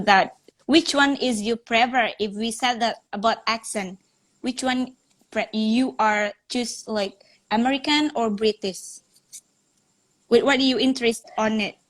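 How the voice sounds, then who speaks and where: A woman's voice: on the high side, slow. A young woman moderating a casual podcast chat, laughing often and reading out viewer comments. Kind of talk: casual live-stream chat.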